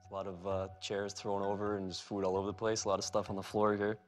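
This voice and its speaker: A man's voice: fairly low pitch, monotone, soft background music. A young man, the target of a prank, reacting casually in a small diner and often saying "man". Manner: quick, casual, says man a lot. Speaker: prank target riding along as guest host. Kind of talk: casual reactions on a hidden-camera show.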